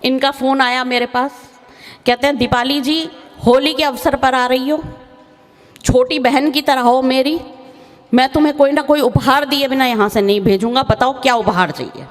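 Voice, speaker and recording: A woman's voice: sits high, steady tone. A woman comic poet on a live stage, chatting and teasing the audience through a microphone. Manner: chatty, teasing the audience, sings a slow verse. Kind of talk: stage comedy poetry recital. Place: live stage show in a hall. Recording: reverberant hall sound.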